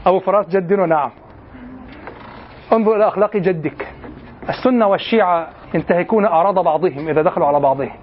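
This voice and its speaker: A man's voice: sits high, quick pace, pauses often, muffled recording, a little hiss or hum. A male teacher giving a classroom lecture on classical poetry, explaining step by step and often checking that students follow. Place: lecture room at an institute.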